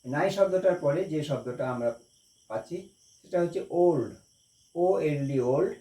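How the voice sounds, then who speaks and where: A man's voice: on the high side, animated, moderate pace, mellow. A man teaching a grammar lesson in Bengali who spells each English word letter by letter and then repeats it. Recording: echoey room, voice from a distance.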